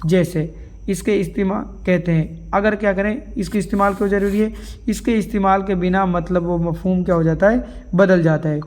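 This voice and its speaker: A man's voice: high voice, fairly even intonation, normal speed, a little mellow. A man teaching a grammar lesson for an exam, asking questions and answering them himself while writing on a board. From India.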